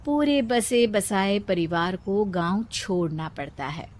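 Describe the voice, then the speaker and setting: A woman's voice: mid-range voice, slow, noisy background. A woman narrator reading a scripted moral story.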